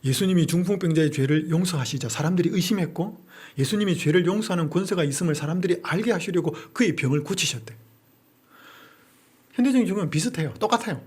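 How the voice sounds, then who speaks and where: Husky, fairly high-voiced male pastor lecturing. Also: a little mellow. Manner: drills the audience with rapid question-and-answer; asks and answers his own rhetorical questions. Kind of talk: Bible-study lecture.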